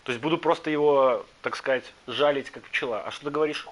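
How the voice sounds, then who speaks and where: A man's voice: medium pitch, quick pace, rough recording. A man talking casually as he plays a game and comments on his matches, with music behind him. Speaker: gamer commenting on own matches. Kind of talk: casual gaming chat. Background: fighting game music.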